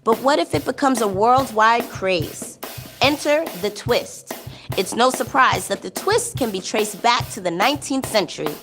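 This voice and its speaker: A woman narrating a documentary with a measured, rhythmic delivery. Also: a little high, animated, music in the background.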